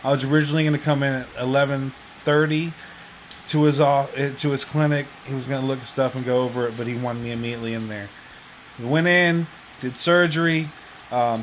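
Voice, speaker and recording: Male vlogger, mid-pitched, halting and rambling casual update, home recording with some background noise. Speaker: video blogger. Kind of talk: casual personal update to camera.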